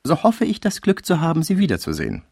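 Narrator guy doing a smooth rich gentleman, polite but calculating, close dry audio. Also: a little high, wildly swooping pitch, fast, no echo, voice pushed up, heavily acted. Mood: courteous.

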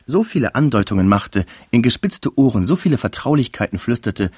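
A man reading a classic novel aloud in a measured, expressive narration. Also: mid-range voice, slightly rough, dry recording, clean studio sound. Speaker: audiobook narrator.

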